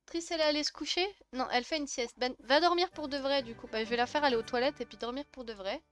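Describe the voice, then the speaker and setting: Une jeune femme streameuse commente sa partie de jeu vidéo sur un ton décontracté, bavarde, elle rit souvent et taquine les personnages. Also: female voice, high-pitched, fast, fairly bright tone, soft background music. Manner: chatty, laughs often, teasing the game characters. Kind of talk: casual let's-play commentary.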